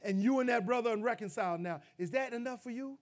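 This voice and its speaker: A middle-aged man delivers a sermon in a notably high voice. He builds to loud, emphatic peaks, then falls back into low, quiet asides to the congregation. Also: quick pace. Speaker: pastor.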